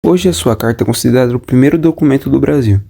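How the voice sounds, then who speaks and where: A man's voice: medium pitch, quick pace, gravelly, dark tone. A young man hosting a school podcast, reading formal questions. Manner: read, formal. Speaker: interviewer.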